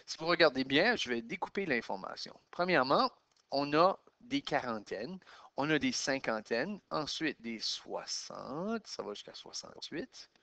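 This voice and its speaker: A man with a Québécois French accent teaching a math lesson, counting out loud step by step as he writes. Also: mid-range voice, lively intonation, unhurried, vocal fry, dry recording.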